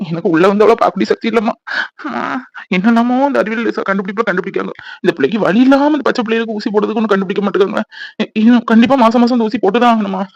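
A man's voice: high voice, very fast, creaky, no echo, lo-fi sound. A man voicing a tearful, fretful young father. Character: soft-hearted young father who cries easily. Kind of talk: cartoon voice acting.

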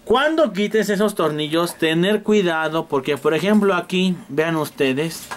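A man's voice: on the high side, animated, measured pace, a little hiss or hum. A man with a Mexican accent teaching electronics repair to a classroom, joking and acting out frustrated customers as he goes. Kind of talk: hands-on class demonstration. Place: classroom with students.

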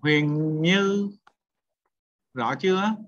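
A man's voice: a little high, very slow, a bit bright. A male teacher, lecturing a class and questioning students one by one. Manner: questioning students, repeats points. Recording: dull lo-fi sound.

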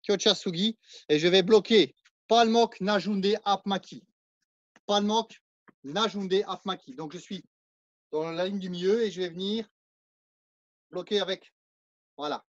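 A French-accented man leads a martial arts class, counting out and explaining each move as he demonstrates it. His voice sits high. The sound is dry and slightly dull, like a lo-fi recording. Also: unhurried, long pauses, no echo. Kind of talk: live online class instruction.

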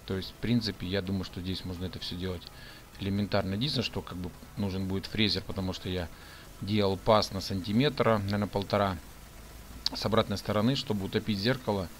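Middle-aged guy narrating his carpentry build, lowish voice, easygoing and plain, faint hum behind. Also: fast. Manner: relaxed, plain-spoken, explains step by step with fillers. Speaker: woodworking channel host. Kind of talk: casual voice-over narration of a build.

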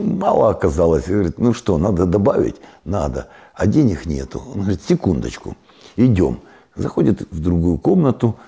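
A man telling comic jokes in a deadpan way, jumping to high shouted punchlines. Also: creaky, breathy edge. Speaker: joke teller.

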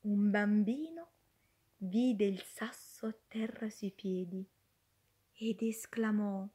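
A woman reading a children's story aloud in an expressive way, often dropping into a hush. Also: medium pitch, takes it slowly, breathy edge.

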